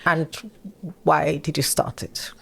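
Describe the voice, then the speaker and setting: A middle-aged woman hosting a talk show interview, encouraging her guest and affirming her with soft murmurs. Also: low voice, level tone, takes it slowly, gravelly.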